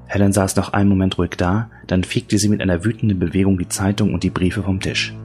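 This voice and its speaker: A man giving steady, dramatic audiobook narration of a crime thriller. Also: sits low, quick pace, soft background music.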